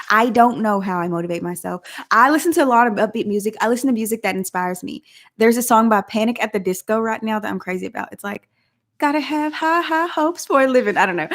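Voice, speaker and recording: Chatty woman with a country drawl. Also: on the high side. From Southeast Oklahoma. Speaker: vlog host. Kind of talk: casual live chat.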